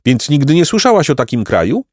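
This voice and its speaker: A man voicing Jacek, a lazy young male creature in a storybook who coaxes and flatters in a sly, wheedling way. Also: fairly high pitch, fairly quick, dry recording, studio quality, voice pushed up.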